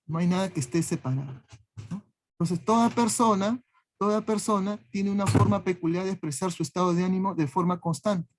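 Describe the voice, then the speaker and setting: A man's voice: sits high, a little fast. A man teaching a class, listing ideas one word at a time and checking in with a questioning "¿no?" after nearly every phrase. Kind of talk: classroom lecture.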